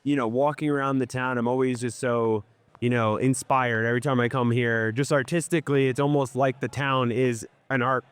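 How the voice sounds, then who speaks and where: A man's voice: medium pitch, little pitch movement, normal speed, smooth, dry recording. A man hosting a casual interview, friendly and affirming, with lots of short replies. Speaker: podcast host.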